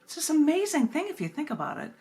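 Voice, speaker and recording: High-pitched and a little mellow, a woman poet speaks quickly with wildly swooping pitch as she hosts a book reading. She recites poems, chats about them between pieces, and phrases things emphatically. Background noise is clearly present.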